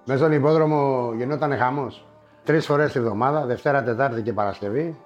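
A middle-aged man telling old stories in a wry, unhurried way, with many asides and fillers. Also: medium pitch, highs cut off, faint music behind. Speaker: storyteller. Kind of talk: spoken reminiscence.

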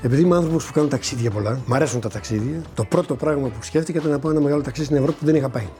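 A man's voice: medium pitch, dark tone, faint music behind. An older man recounting a personal story to an interviewer, acting out the dialogue and stumbling over repeated words when he is moved. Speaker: interviewee recounting a lottery win. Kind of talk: personal anecdote told to an interviewer.

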